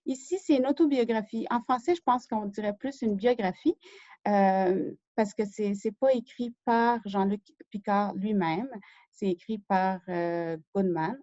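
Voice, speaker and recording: A woman's voice: mid-range voice, a little slow, dark tone, no echo. A woman hosting a screen-share research tutorial, talking hesitantly with many fillers and self-corrections. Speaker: show host. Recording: dull lo-fi dry recording.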